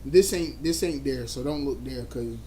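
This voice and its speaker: A man co-hosting a live talk show, loud and laughing, saying he is drunk. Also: mid-range voice, normal speed, a little hiss or hum. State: tipsy. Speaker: podcast co-host. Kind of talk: casual live-show banter.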